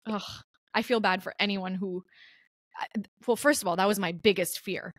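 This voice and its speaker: A young woman in a relaxed interview chat tells her story with plenty of laughs, mimicking the people she quotes. Her voice sits at an ordinary middle pitch. The recording is close and dry, with no room sound. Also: moderate pace, dry recording. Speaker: guest mother telling her birth story.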